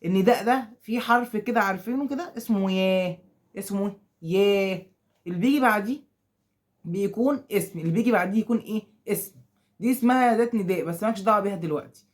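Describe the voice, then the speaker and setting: Fast-talking Egyptian teacher, quizzing himself. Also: male voice, sits high. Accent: Egyptian Arabic. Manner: quizzing, repeating questions and answering them himself; acts out pupils' objections. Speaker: Arabic grammar teacher. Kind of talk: online grammar lesson for school pupils.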